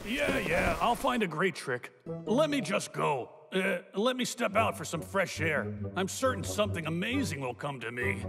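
A man's voice: high-pitched, big pitch swings, normal speed, creaky, loud music behind the voice, full character voice. An actor playing a magician's eager, flustered male assistant in a cartoon, fretful and placating. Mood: placating, nervous. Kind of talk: cartoon voice acting.

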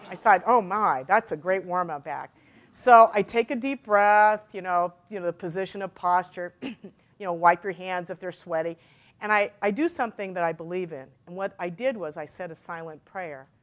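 A middle-aged woman giving a keynote talk, telling a personal story and acting out the voices of the people in it. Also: medium pitch. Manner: animated storyteller, acts out quoted voices. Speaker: keynote speaker. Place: conference stage.

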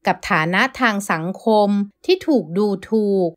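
A woman narrating a romance novel in an even, descriptive storytelling manner. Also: medium pitch, a little slow. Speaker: audiobook narrator.

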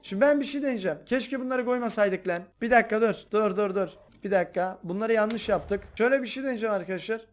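Man, high voice, gaming host, chatty casual commentary, excitable. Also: quick pace, few pauses. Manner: chatty, excitable, addresses viewers directly.

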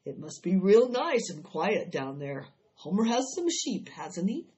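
A calm, bearded country doctor, as a woman reads him aloud. He speaks mildly and without hurry. The recording sounds dull and lo-fi. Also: medium pitch, measured pace.

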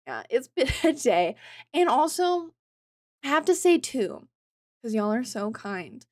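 A woman's voice: on the high side, dry recording, studio quality. A woman streamer in casual chat with her viewers, rambling and chatty with lots of filler words, laughing often between phrases. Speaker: game streamer.

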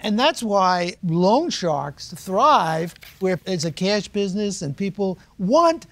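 An older man serving as a judge on a television court show, questioning a litigant and then laying out his reasoning in a measured way. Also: high voice, big pitch swings, fairly bright tone. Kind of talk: courtroom deliberation. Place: TV courtroom studio.

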